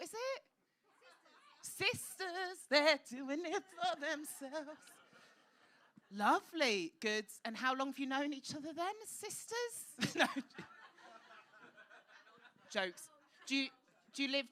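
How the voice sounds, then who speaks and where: Man, high-pitched voice, stand-up host, camp cheeky banter, swings his pitch a lot, comedy club stage. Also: pushed and bright. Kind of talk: stand-up crowd work.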